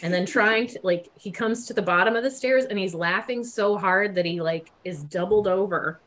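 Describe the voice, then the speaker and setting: Animated woman telling a story. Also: mid-range voice, normal speed. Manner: animated, laughing, swears freely. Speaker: guest. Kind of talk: casual storytelling chat.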